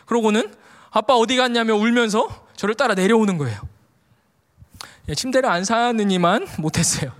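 Preacher, man, high pitched; animated storyteller who acts out quotes; long hall reverb. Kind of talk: storytelling sermon.

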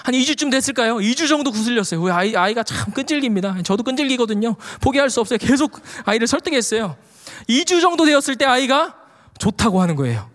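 High-voiced preacher man in a reverberant hall. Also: fast. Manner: animated storyteller, acts out quotes, frequent "uh" fillers. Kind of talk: storytelling sermon.

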